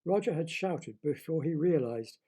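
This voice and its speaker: A man narrating a story in a lively, dramatic manner. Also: a little high, moderate pace, husky.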